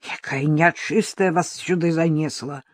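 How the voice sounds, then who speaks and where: A woman's voice: low-pitched, measured pace, no room sound, studio quality. A woman voicing a terse, wary old village woman who speaks in a rural Belarusian-tinged dialect, for an audiobook. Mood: gruff, wary.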